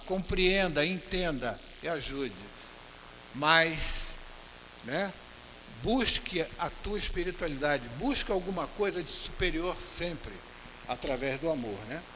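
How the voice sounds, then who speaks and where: A man with a Brazilian accent giving a religious talk at a spiritist center, retelling anecdotes and slowing down to stress each teaching. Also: a little high, bright, forceful tone. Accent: Brazilian Portuguese. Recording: hall reverb with faint hiss.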